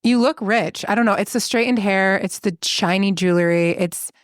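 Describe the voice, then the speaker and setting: A woman's voice: mid-range voice, moderate pace, no room sound, studio quality. A woman co-hosting a podcast in casual chat, playful and teasing, swearing freely. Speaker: podcast co-host.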